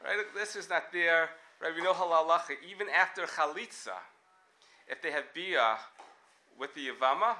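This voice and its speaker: A man teaching a casual Talmud class, thinking aloud with animated restarts and frequent rhetorical questions. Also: on the high side.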